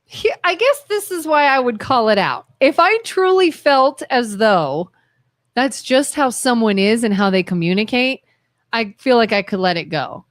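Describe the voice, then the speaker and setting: Animated woman acting out her stories. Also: on the high side, moderate pace, dry recording, clean studio sound. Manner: animated, acts out quoted dialogue, laughs. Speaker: podcast co-host. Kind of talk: casual live talk-radio chat.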